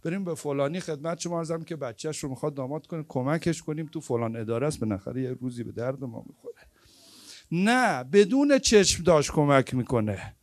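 A man preaching a storytelling sermon at an evening gathering, swinging between loud stressed words and hushed asides. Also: mid-range voice.

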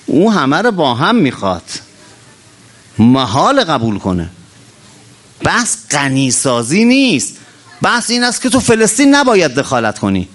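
A man delivers an impassioned sermon, his fairly high voice swooping widely as he moves from urgent appeals to low, heavy asides. He slows down to chant the scripture verses he quotes. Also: big pitch swings, fairly bright tone. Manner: impassioned, rises and drops sharply in pitch; chants Quranic verses slowly. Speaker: cleric. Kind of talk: religious sermon.

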